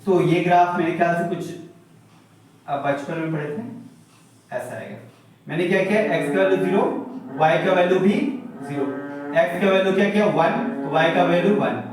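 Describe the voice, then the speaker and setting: High-voiced man teaching maths in an echoey room. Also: normal speed, far from the mic, a crowd in the background. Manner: explains step by step with homely examples, repeats points. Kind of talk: classroom lecture on graphs.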